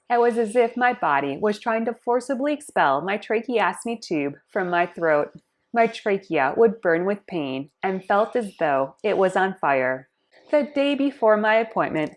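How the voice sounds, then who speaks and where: A woman delivers a scripted personal narration for a vlog. Her voice sits at an average pitch for a woman. She speaks in a deliberate, measured way, with formal, carefully phrased storytelling. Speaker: YouTube vlogger.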